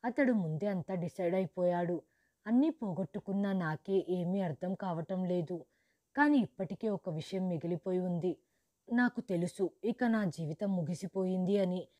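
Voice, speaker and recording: A woman narrating a storybook in the first person as a grieving, widowed mother who lost her wealth, in a steady, measured reading. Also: on the low side, no echo, lightly acted. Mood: sorrowful.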